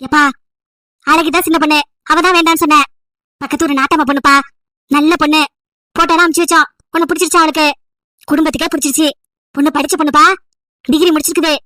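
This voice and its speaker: Woman voicing a high, bright, fast-talking old grandmother, scolding and pleading, dry close sound. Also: flat delivery, dry recording. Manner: scolding, pleading, wailing complaints. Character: nagging old village grandmother, emotional, wants great-grandchildren.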